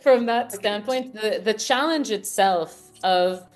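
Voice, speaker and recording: A woman's voice: medium pitch, takes it slowly. A woman in her forties from Lebanon, raised partly in the US, speaking earnestly as an interview guest, often restarting her phrases. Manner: earnest, reflective, with frequent restarts. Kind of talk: casual interview chat.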